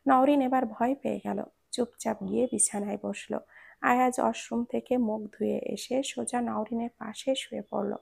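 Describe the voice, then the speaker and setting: A woman narrating a romance story with a steady, expressive reading. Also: on the high side, gravelly, breathy edge.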